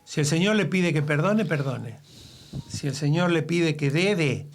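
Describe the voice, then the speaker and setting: Man, Bible study leader, emphatic, quotes scripture, slightly high voice. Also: measured pace, faint music behind.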